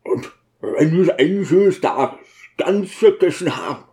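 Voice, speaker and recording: A man's voice: fairly high pitch, animated, measured pace, dark tone, pitched above the performer's own voice. A man voicing a grieving, stubborn deacon who grumbles in a sulky, weary way. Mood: brooding.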